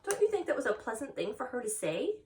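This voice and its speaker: Woman reading as a earnest young farm girl, lively pitch. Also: fast, distant mic, slight background noise. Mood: earnest, proud. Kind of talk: children's storybook read aloud.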